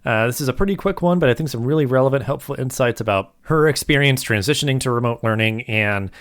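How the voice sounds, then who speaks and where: A man hosting a podcast interview in a relaxed, casual way, with lots of filler words. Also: medium pitch, fast talker, dry recording, studio quality. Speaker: podcast host.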